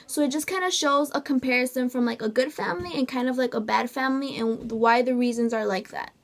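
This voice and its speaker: A woman's voice: high voice, quick pace. A woman giving an informal, hesitant student presentation, with many ums and likes. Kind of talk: informal class presentation explaining scenes.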